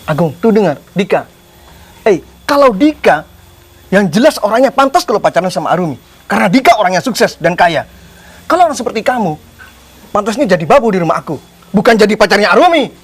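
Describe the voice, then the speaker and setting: A man's voice: high voice, very animated, fairly quick, breathy edge, full character voice. An actor playing an arrogant rich father who scolds and scorns a poor young man. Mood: scornful. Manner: contemptuous, scolding.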